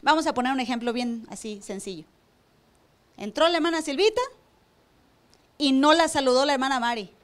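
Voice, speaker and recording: A woman's voice: high-pitched, brisk, pauses often. A woman pastor preaching a sermon to a church, asking the room rhetorical questions and acting out church members. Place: church service.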